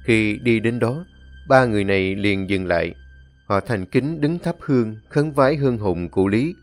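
A man narrates a scripted story in a measured, even voice that sits on the low side. Soft background music runs under his telling.

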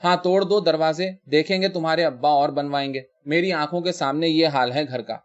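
A man's voice: a little high, animated, dull audio, natural voice. A man reading as a distraught wife begging to stay in her home. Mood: hysterical. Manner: pleading, hysterical outbursts. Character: distraught middle-aged wife refusing to leave home.

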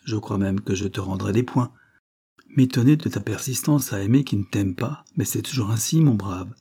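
Homme jouant un agent de police ironique. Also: male voice, fairly low pitch, normal speed, mellow, slightly rough. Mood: mocking. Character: worldly ironic male police agent, blunt.

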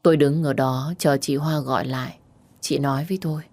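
A woman with a notably low voice narrating a first-person audiobook. Her storytelling is steady and measured.

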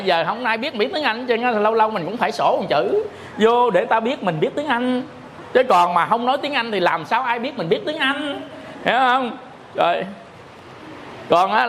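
A man's voice: high-pitched, fairly bright tone. A man gives a humorous Buddhist dharma talk. He tells stories in a loose, chatty way, stumbling over repeated words and checking in with his listeners. A faint hiss sits under the recording. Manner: chatty storytelling, repeats words, asks "hiểu không?".

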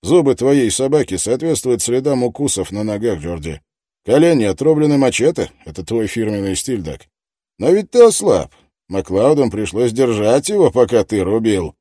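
A man's voice: mid-range voice, very animated, normal speed, mellow, no echo, studio quality, voice pushed up. A man voicing a sardonic male police detective who mocks and presses a suspect in blunt slang, raised above his narrating voice. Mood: goading.

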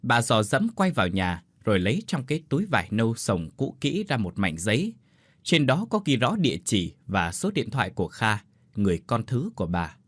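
A man narrating a scripted ghost story with an expressive, dramatic delivery. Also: fairly low pitch, moderate pace, slightly rough, no room sound.

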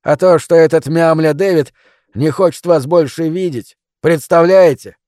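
A brash con man taunts and gloats in a raised, mellow voice, as a male audiobook reader puts him on. The recording is close and dry. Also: on the high side, normal speed, dry recording, voice pushed up, lightly acted. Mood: mocking, gloating. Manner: mocking, loud, gloating.

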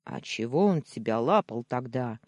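A man's voice: medium pitch, lively intonation, normal speed, no echo, lightly acted. A reader voicing a jealous, protective young man who growls short, curt questions. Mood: gruff, jealous.

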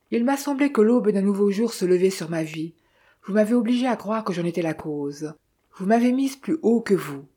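A troubled young woman from a novel, sorrowful and torn, pleading in a mellow, husky voice, as a woman reads her out. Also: medium pitch.

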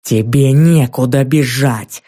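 A man voicing a huge, vain fiery female giant who roars slow threats, in an audiobook reading. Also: medium pitch, mellow. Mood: menacing.

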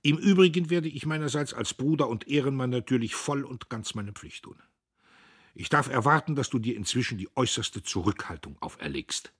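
A man voicing a pompous, self-important young brother who talks loud and indignant. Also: medium pitch, lively intonation, fairly quick, slightly rough, dry recording, studio quality, pitched above the performer's own voice.

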